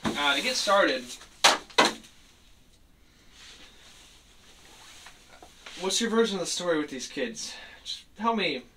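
A man playing a tough cop interrogating a suspect, pressing and skeptical in a halting delivery. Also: high-pitched, animated. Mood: probing. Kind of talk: amateur acted interrogation scene. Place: small room, camera across the room. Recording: distant mic, noisy room.

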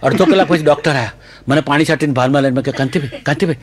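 A man telling stand-up jokes in an animated way, laughing through his punchlines and dropping in English phrases. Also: a little high, racing, crowd noise. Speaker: comedian.

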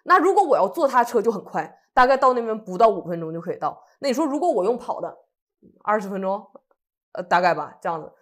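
Speaking fast at a medium pitch, a woman from Northeast China co-hosts a casual conversation and tells a personal story. She animates it by acting out what people said.

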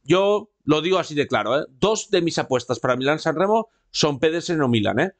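A man's voice: on the high side, expressive, fairly quick. A man hosting a casual podcast, rambling and repeating himself, tagging his sentences with a questioning "eh". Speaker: podcast host. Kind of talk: casual cycling chat with live chat.

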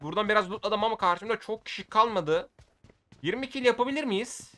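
A man giving excitable gameplay commentary for his video, often shouting at the game and using casual slang. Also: high-pitched, fairly quick. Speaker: gaming video creator.

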